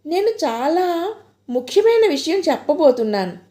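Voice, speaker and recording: A woman voicing a shy young man in love who speaks softly and hesitantly. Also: high-pitched, sing-song, normal speed, pitched above the performer's own voice. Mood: gentle. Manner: soft, hesitant, pleading.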